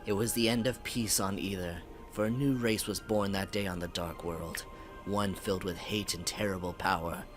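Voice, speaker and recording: Solemn male alien sentinel, read by a man: slow, formal, low-pitched, over game music. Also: fairly even intonation, close to an everyday voice. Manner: slow, measured, grave delivery.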